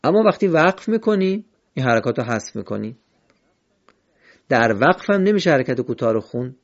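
A man teaching the rules of Quran recitation in a patient, methodical way, slowly chanting verses as examples. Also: mid-range voice, sing-song. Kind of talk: explanatory lesson. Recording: dull lo-fi recording.

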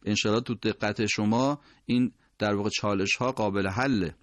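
A man teaching Quran recitation, explaining pronunciation points and slowly drawing out example words. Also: lowish voice, steady tone, no room sound. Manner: slow, drawn-out demonstration of words. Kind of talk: tajwid lesson explaining pronunciation.

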